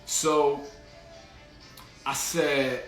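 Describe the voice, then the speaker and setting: A man's voice: fairly high pitch, flat delivery, very slow, roomy sound, soft background music. A man hosting a casual livestream, telling a rambling story full of slang and restarts while greeting viewers in the chat. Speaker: livestream host.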